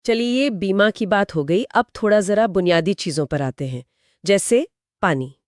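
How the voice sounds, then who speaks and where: Curious woman asking lively questions. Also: medium pitch, moderate pace, no room sound, clean studio sound. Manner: curious, asks prompting questions. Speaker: co-host. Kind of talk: scripted explainer chat.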